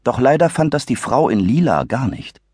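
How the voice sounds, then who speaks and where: A man reading a children's book aloud as narrator, with expressive storytelling. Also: medium pitch, moderate pace, slightly rough, no room sound, clean studio sound. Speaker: audiobook narrator.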